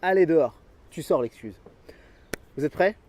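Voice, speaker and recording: Energetic man, fairly high mellow voice. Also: normal speed. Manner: energetic, addresses viewers directly, chuckles often. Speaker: sports motivation youtuber. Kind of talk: motivational talk to camera.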